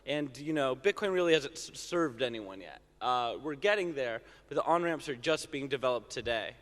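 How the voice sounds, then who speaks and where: A man speaking as a panelist in a conference discussion, talking quickly and casually with fillers. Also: medium pitch, animated, a bit bright. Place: conference stage. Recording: reverberant conference hall.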